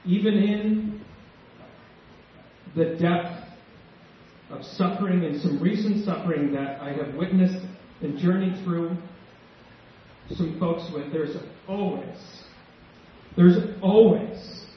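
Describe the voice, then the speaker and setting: A male pastor preaching a sermon with emotion and slow, emphatic pauses. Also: high-pitched, slight background noise. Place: church sanctuary. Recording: echoey church hall, distant mic, dull sound.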